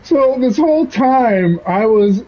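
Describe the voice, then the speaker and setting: Streaming a video game, this man talks openly in his first language, English, wandering through personal anecdotes, laughing and swearing now and then. His very high, mellow voice is animated yet slow-paced. The poor audio carries a slight hiss or hum, with game sounds underneath.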